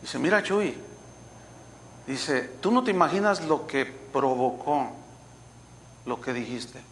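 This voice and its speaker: A man's voice: mid-range voice, takes it slowly, slight background noise. A man with a Mexican accent preaching a sermon as a pastor, telling stories and acting out the voices of the people he quotes. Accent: Mexican Spanish. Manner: animated storytelling, acting out quoted voices, chuckling.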